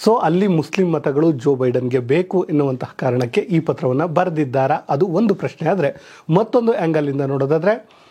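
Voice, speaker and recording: A man delivers a scripted news commentary in a somewhat high, husky voice with a mellow, dark tone. He keeps calling out to the viewers as friends, pushing his key points up in sudden emphatic bursts. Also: normal speed. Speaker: news presenter.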